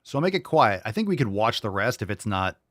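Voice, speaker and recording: A man's voice: fairly low pitch, very animated, quick pace, fairly bright tone, a little hiss or hum. A man hosting a casual live commentary show, talking bluntly and profanely in a mocking way. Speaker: show host.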